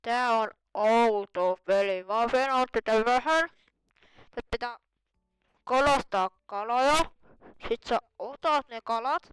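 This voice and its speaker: A woman's voice: on the high side, clear, resonant tone, no echo, poor audio. A woman giving casual, rambling gameplay commentary, thinking aloud as she plays. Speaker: gamer.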